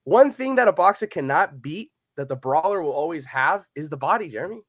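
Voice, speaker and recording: A man co-hosting a combat sports podcast, arguing loudly and trash-talking, repeating his words as he pushes his point. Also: a little high, fairly quick, no echo, studio quality. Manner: loud, animated, repeats himself, trash-talking. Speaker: podcast co-host. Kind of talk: heated sports debate.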